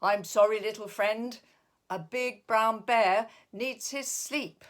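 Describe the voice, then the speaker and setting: A woman voicing a big brown male bear who is gentle, drowsy and reassuring, in a hearty storybook manner. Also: fairly high pitch, slow pace. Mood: reassuring, sleepy.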